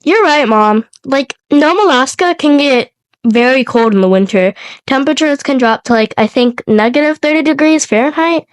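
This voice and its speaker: A young woman with a high, animated voice co-hosts a podcast while sick with a cold, sounding congested as she tells a story at a moderate pace. Her delivery mixes scripted lines with casual chat. The recording is dry, with no room sound.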